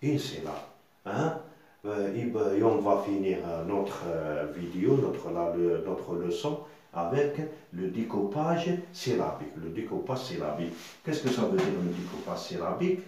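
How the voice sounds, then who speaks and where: A man's voice: sits low, sing-song, warm tone. A man teaching a reading lesson, patiently repeating words and sounding out syllables one by one. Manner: repetitive, patient, sounds out syllables slowly with tags like hein. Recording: very echoey room.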